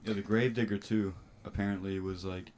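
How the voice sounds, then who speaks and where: A man's voice: fairly low pitch, little pitch movement, brisk, darkish tone, slight background noise. A man co-hosting a casual podcast, joking in slangy banter and laughing often. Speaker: podcast co-host. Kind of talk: casual chat.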